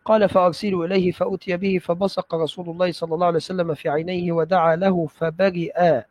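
Man reciting classical texts, slightly high. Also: flat delivery, a little mellow. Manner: measured, careful recitation with brief checks of the text. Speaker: student reading hadith texts aloud. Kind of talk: classical text recitation in a study session.

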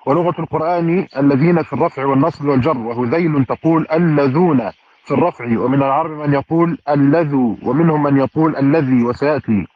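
Fast-reading man, muffled lo-fi sound. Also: on the high side, no echo. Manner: fluent formal reading with careful vowel endings. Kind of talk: reading a classical commentary aloud in a study circle.

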